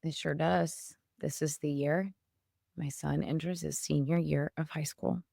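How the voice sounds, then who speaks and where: A woman in her forties co-hosting a podcast in casual chat, chiming in often with quick agreement. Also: low-pitched, steady tone, vocal fry, warm tone, dry recording, clean studio sound. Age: 40s. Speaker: podcast co-host.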